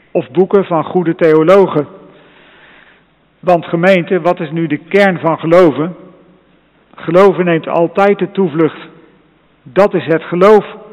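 A man preaching a sermon in a solemn, measured way, repeating his phrases. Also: fairly high pitch. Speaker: pastor. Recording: long reverb, dull lo-fi sound.

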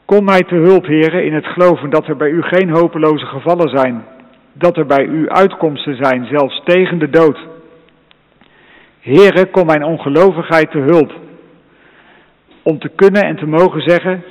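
A man preaching a sermon in a solemn, measured way, repeating his phrases. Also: fairly high pitch. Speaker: pastor. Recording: long reverb, dull lo-fi sound.

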